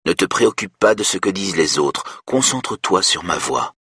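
A man with a husky voice, playing a calm, self-assured hypnotist who speaks low and soothingly. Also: normal speed, no room sound, studio quality, full character voice.

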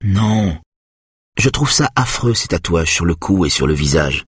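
A man's voice: low-pitched, lively intonation, a little slow, breathy edge, dry recording, clean studio sound, exaggerated voice. A man voicing an anxious, embarrassed teenage son who answers his mother curtly. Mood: uneasy. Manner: curt, pleading.

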